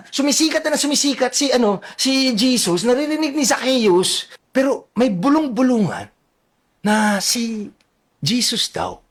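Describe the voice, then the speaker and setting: A man retelling a Bible story as satire, animated and joking, with loud bursts, low mutters and asides. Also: gravelly. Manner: animated, joking asides, laughs mid-sentence. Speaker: satirical vlogger.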